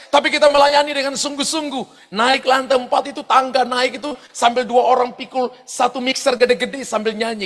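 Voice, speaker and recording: A pastor telling personal stories in a sermon, animated, often shouting out quoted lines and laughing as he goes. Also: very high voice. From eastern Indonesia. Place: large church hall. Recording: long hall reverb from church sound system.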